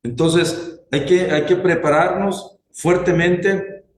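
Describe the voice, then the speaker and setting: A man preaching a sermon slowly and deliberately, putting questions to his congregation. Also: sits high, steady tone, reverberant, poor audio.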